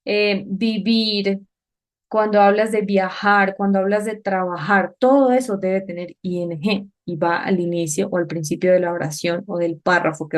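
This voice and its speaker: A woman teaching an English grammar lesson at a whiteboard, explaining step by step, checking understanding with questions, and saying the English examples slowly and carefully. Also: mid-range voice.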